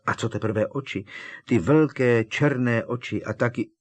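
A man's voice: mid-range voice, pitched above the performer's own voice, lightly acted. A man voicing a moody, lovesick teenage wizard boy who sighs and talks dreamily. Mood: dreamy.

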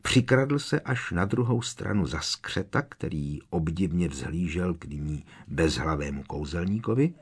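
A man narrating an audiobook with a lively, expressive reading. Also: fairly low pitch, slightly rough.

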